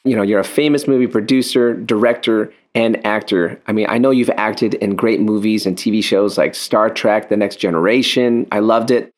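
A middle-aged man hosting an evangelical radio interview, chatty and enthusiastic, often cutting in with "wow". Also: lowish voice. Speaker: radio show host, evangelist.

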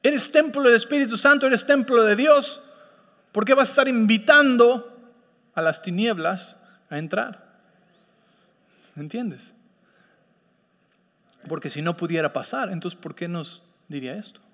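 High-voiced pastor preaching in a reverberant church. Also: male voice, lively intonation, a little slow, pauses often, a bit bright. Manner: teaching, checks in with listeners often. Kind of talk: sermon. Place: church sanctuary.

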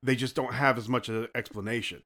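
A man co-hosting a film review podcast, speaking relaxed and frank, with casual swearing. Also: mid-range voice, quick pace.

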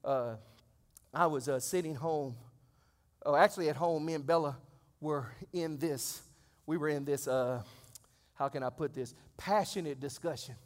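High-voiced man preaching in a reverberant hall. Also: normal speed, long pauses. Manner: conversational preaching that swells into loud, high-pitched exclamations. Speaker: pastor. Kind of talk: sermon. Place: church sanctuary.

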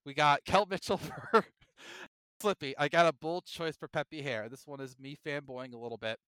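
A man co-hosting a podcast in casual chat, animated and jokey, often slipping into silly impressions. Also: fairly high pitch, moderate pace, smooth, no room sound. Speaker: podcast co-host.

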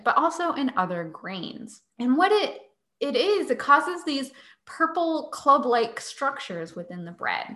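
A woman's voice: on the high side, pushed and bright, roomy sound. A woman hosting a casual science podcast, explaining things in a chatty, sarcastic way. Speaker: podcast host.

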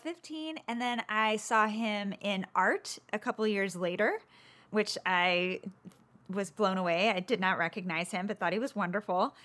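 A woman's voice: mid-range voice, normal speed, fairly bright tone. A woman co-hosting a podcast, chatting casually about a TV show with rambling, self-deprecating asides. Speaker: podcast co-host.

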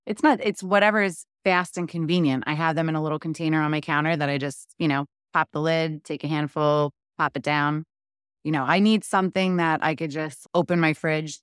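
A middle-aged woman with a New York accent hosting a podcast, chatty and open with quick asides. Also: deep voice, smooth, dry recording, clean studio sound. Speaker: podcast host. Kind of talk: casual interview chat.

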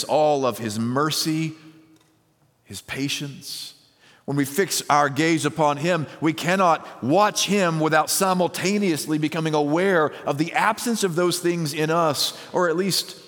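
Slow, measured male pastor in a reverberant hall. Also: on the high side, a bit bright. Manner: measured, with emphatic pauses and repetition. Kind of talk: sermon. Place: church sanctuary. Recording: long reverb of a large hall.

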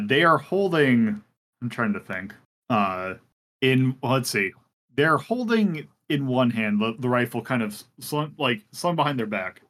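A man's voice: mid-range voice, a bit bright. A man running a tabletop game as game master, narrating with many fillers and restarts.

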